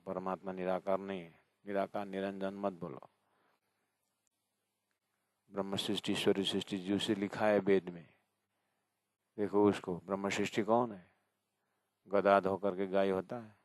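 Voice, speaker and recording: A man giving a devotional discourse as a spiritual teacher, addressing his listeners directly and repeating verses slowly. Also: low-pitched, creaky, darkish tone, dry recording.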